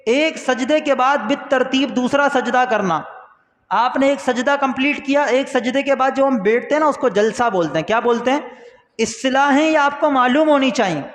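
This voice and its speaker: A man with a Pakistani Urdu accent teaching a religious lesson, who asks and answers his own questions and acts out short exchanges with a questioner. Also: very high-pitched. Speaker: Islamic teacher. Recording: echoey hall with long reverb.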